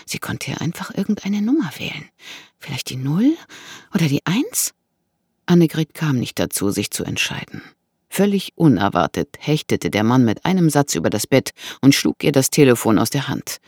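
An audiobook narrator reading a thriller with expressive storytelling. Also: normal speed, breathy edge, no echo, studio quality. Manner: expressive storytelling with lively pitch.

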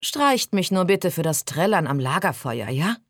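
A woman voicing a tired, sarcastic teenage girl hiker who complains in a drawn-out tone. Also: fairly low pitch, sing-song, no echo, studio quality.

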